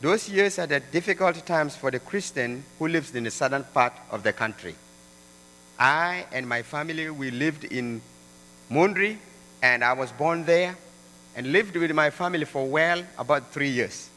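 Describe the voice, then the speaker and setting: A man's voice: mid-range voice, sharp tone. A man in his thirties from South Sudan giving an earnest church testimony as a guest speaker. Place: church sanctuary. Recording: long hall reverb, faint mains hum.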